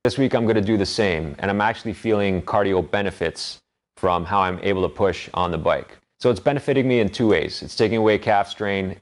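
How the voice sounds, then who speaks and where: A man talking through his training in an explanatory vlog monologue. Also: sits low. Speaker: vlogger documenting 10k race training.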